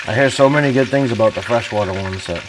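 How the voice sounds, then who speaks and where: Talking fast in a fairly low voice, this man cooks and chats to his viewers in a relaxed, folksy manner, much like a home cooking vlogger. There's background noise, a clear sizzle of oil frying in a pan, and a mic level that rises and falls unevenly.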